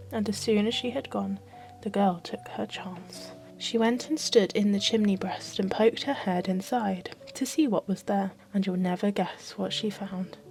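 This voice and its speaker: A woman reads a fairy tale as ASMR. Her delivery is soft and expressive, made for bedtime, over gentle background music. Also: mid-range voice, vocal fry. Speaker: storyteller.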